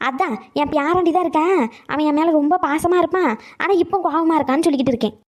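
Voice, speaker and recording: A woman's voice: high voice, fast, darkish tone, lightly acted. A woman voicing a scheming, theatrical old grandmother in a cartoon comedy. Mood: dramatic. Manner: dramatic, theatrical scolding.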